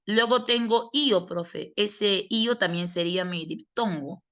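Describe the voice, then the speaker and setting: Speaking slowly with a sharp tone in a mid-range voice, a woman gives an online grammar lecture. She patiently explains, voicing her students' questions and then answering them.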